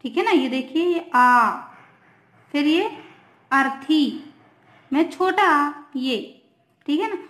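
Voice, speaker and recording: High-voiced, slow-paced woman teacher. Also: animated, a bit bright. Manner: repeats "theek hai na" often, mixes English words; slow, drawn-out reading of examples. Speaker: Hindi grammar teacher. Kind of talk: online class lesson. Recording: echoey room.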